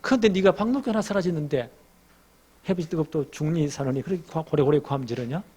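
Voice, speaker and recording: A man's voice: on the high side, fast talker, mellow, husky. A male pastor voicing God, who rebukes a prophet with a string of pointed questions. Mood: rebuking. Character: God scolding a stubborn prophet.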